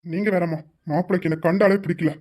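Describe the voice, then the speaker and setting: A woman's voice: on the low side, steady tone, fast talker, darkish tone, lightly acted. A woman voicing a cocky young man who brushes off his mother's advice in an amateur audio drama. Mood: offhand.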